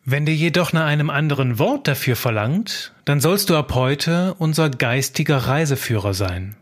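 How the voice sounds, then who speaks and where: A man voicing a calm, wise monk who speaks gently and steadily. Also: fairly high pitch, moderate pace. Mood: calm, reassuring. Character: calm, wise older monk reassuring a brother.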